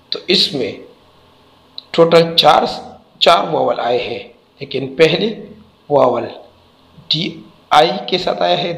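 Slow, deliberate male teacher. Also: a little high, creaky, fairly bright tone, low-quality recording. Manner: deliberate, spells out letters and repeats words. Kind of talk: textbook lesson explanation.

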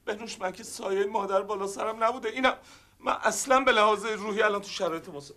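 An actor playing a grown son who melodramatically complains and pities himself in a TV sitcom. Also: male voice, sits high, sharp tone. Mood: whining. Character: whiny grown son, self-pitying shopkeeper. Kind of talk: TV sitcom acting.

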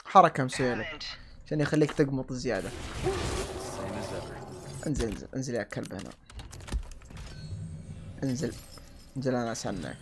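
A young man doing excitable let's play commentary and yelling at in-game enemies. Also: medium pitch, a little hiss or hum. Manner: excitable, yells and curses at enemies. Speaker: gaming channel host.

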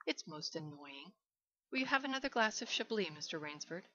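A woman's voice: sits low, animated, brisk, a bit bright, dull audio. A woman voicing a suave, menacing aristocratic male general with mocking courtesy.

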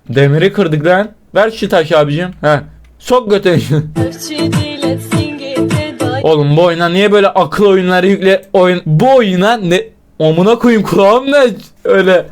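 High-voiced man swearing through a horror game. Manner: profane, shouts in fright, swears at the game; talks to himself and the game. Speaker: gaming YouTuber. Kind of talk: casual let's-play commentary.

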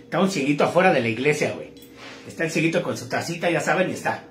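Brief: high-pitched Mexican man, crude slang, live-stream joke teller, echoey room with faint noise. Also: expressive, rapid-fire, a bit bright. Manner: crude slang, chatty, greets viewers. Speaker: streamer telling jokes.

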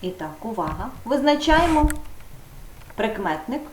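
A woman teaching a primary school grammar lesson, dictating slowly and stretching out the key words for the pupils. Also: on the high side, sing-song, far from the mic, slight background noise. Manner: slow, drawn-out emphasis on case questions. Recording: echoey room, voice from off-mic.

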